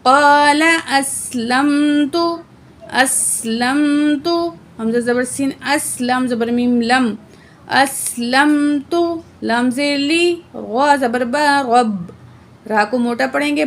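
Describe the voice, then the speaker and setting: A woman teaching Quran recitation word by word, explaining the rules plainly and reciting verses slowly with drawn-out sounds. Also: on the high side, a little hiss or hum. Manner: often adds "theek hai" to check understanding. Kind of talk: slow word-by-word recitation lesson.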